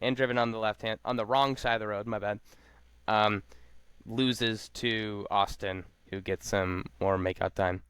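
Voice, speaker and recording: Laid-back slangy man, smooth voice. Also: fairly low pitch, steady tone, a bit bright, dry recording. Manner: laid-back, slangy, talks fast with lots of fillers. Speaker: podcast co-host. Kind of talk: casual chat recapping a reality show.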